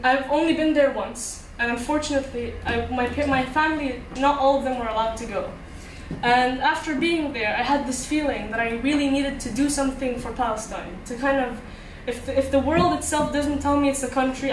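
A high-voiced young spoken word poet from Qatar gives a conversational intro at normal speed, then recites rhythmic, repeated lines. She performs indoors at a small cafe with a handheld mic, filmed by a far camera, so the sound is roomy with a little hiss or hum.

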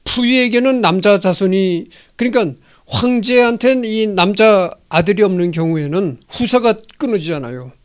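A man in his sixties who hosts a history channel works through a history text at home, speaking into a handheld microphone indoors. His voice is noticeably high for a man, with lively intonation, normal speed, and few pauses. He reads a line, then drifts into chatty asides, often asking listeners rhetorical questions.

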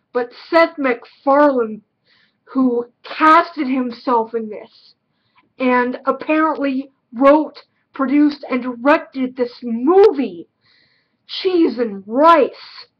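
A woman's voice: high voice, dull audio. A woman giving a casual film review, blunt and emphatic, repeating words for stress.

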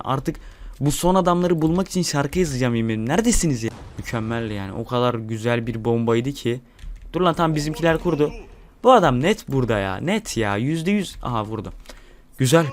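A young man narrates his own match as he plays. He talks straight to his viewers in an excitable, swearing stream of commentary. His voice sits at an ordinary male pitch. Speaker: gaming channel host. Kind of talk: live gameplay commentary.

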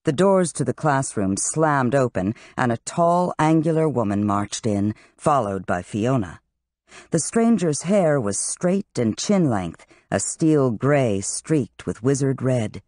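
An audiobook narrator reading a fantasy novel with expressive, varied delivery. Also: mid-range voice, slow pace, no echo, studio quality.

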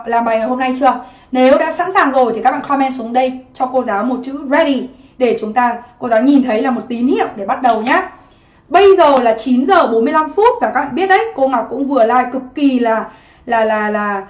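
A woman teaching a livestream exam-prep lesson from her home office, chatty and constantly asking students to comment. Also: high voice. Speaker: English teacher. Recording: muffled roomy livestream audio.

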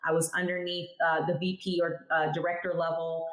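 Low, level and fairly bright, the voice belongs to a woman in her thirties who works as a cannabis lab chemist, speaking briskly. She's a video-call guest in a casual interview from a home room, on headphones, and shares her story candidly and emphatically. The rough recording has an echoey sound.

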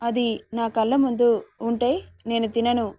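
A jealous young woman in love sulks and pouts, as a woman narrator voices her. Her voice is flat, a little high and mellow. She sounds close and dry, like a storybook reading. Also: a little slow, no echo, natural voice. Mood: sulky. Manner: sulky, pouting.

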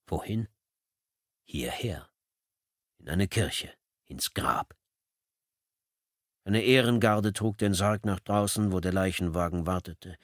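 Style: scripted audiobook narration. Sex: man. Pitch: low. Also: dry recording, clean studio sound. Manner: calm, measured reading.

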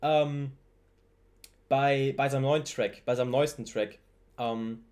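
A man hosting a reaction video, chatting casually and upbeat, often pausing on fillers. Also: mid-range voice, steady tone, a little mellow.

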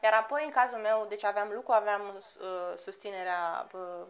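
A woman's voice: medium pitch, fairly even intonation, highs cut off. A woman in her thirties, a singer being interviewed, talking casually and laughing easily. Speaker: guest, singer.

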